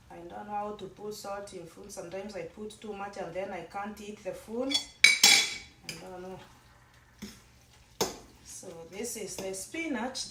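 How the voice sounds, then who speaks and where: A cooking vlogger with a mid-range voice and a Kenyan accent, whose first language is a Kenyan mother tongue, gives a casual cooking demonstration in her home kitchen. She's chatty and rambles a bit, often restarting her sentences. The room is echoey, the mic sits at a distance, and there's background noise.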